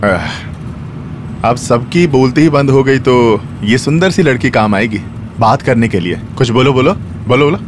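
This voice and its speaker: A man's voice: medium pitch, animated, unhurried, noisy background, lightly acted. A man voicing a departing emigrant, teasing. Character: man in his forties leaving home to work abroad. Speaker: dubbing actor. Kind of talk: Hindi film dubbing.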